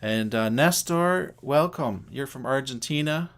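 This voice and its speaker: A man's voice: medium pitch, expressive, a little slow, a bit bright. A middle-aged man from Canada hosting a casual livestream, chatting to viewers by name and thinking aloud as he sets things up. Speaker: livestream host.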